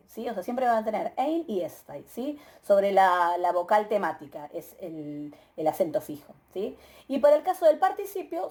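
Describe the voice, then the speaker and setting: Argentine woman teacher, mellow methodical lecture. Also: mid-range voice. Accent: Argentine Spanish. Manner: methodical, explanatory, many filler "eh"s and rhetorical "¿sí?" checks. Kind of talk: recorded grammar lecture.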